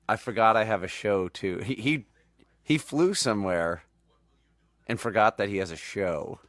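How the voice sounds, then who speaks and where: A man's voice: on the low side, unhurried, long pauses, no echo. A man in his forties co-hosting a podcast, telling funny stories in casual chat and laughing often. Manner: animated storyteller, laughs often. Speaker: podcast co-host.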